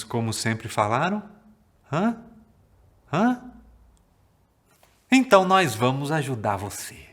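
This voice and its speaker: A man with a Brazilian accent from Paraná, telling a folk tale to children in a lively, theatrical way and stretching words for effect. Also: medium pitch. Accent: Paraná Brazilian Portuguese. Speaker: storyteller. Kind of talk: children's storytelling.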